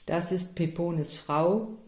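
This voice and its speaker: A woman reading the lines of a calm, wry older male village priest in a slow, measured, dry way. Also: fairly low pitch. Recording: roomy echo.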